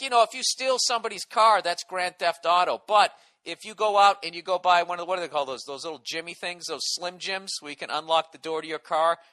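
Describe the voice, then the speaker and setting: A man's voice: sits high, bright, forceful tone. A man in his forties with a Boston accent, ranting and swearing on his solo podcast, exasperated. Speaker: podcast host.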